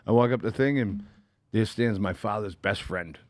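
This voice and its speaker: A man's voice: fairly low pitch, normal speed, no echo. Middle-aged man telling a profane story. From Boston area. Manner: profane, laughing, acts out voices in his stories. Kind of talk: casual storytelling chat.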